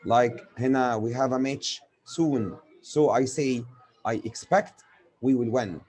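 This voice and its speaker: Heard on a low-quality recording, an Egyptian-accented teacher and native Arabic speaker explains grammar with examples, asking and answering his own questions. He speaks unhurriedly in a mid-range, slightly mellow voice.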